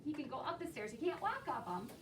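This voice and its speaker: An American elementary school teacher leads her young class in discussing a read-aloud, cheering the children on and prompting them with questions. Her voice is high and very animated, and she talks fast. A distant mic picks her up in a roomy, noisy classroom.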